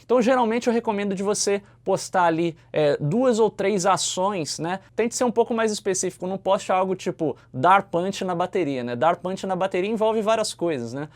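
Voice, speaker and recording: A man's voice: high voice, animated, normal speed, few pauses. Chatty Brazilian man explaining mixing. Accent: Brazilian Portuguese. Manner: chatty, tags sentences with a questioning "né?". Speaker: YouTuber teaching audio mixing. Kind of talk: casual explanatory talk to camera.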